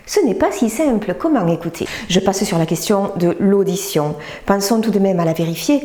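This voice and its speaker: A woman teacher narrating a scripted lesson, speaking clearly and deliberately and breaking words into separate sounds. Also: on the low side, warm tone, reverberant. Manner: clear, deliberate, syllable-by-syllable demonstrations.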